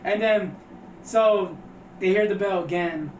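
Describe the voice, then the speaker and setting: Dude rambling through a movie plot, high voice, dull echoey far mic. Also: male voice, takes it slowly. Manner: loose, laughing retelling with quoted voices. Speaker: podcast co-host. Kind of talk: casual movie review chat. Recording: dull, far-off roomy mic with faint noise.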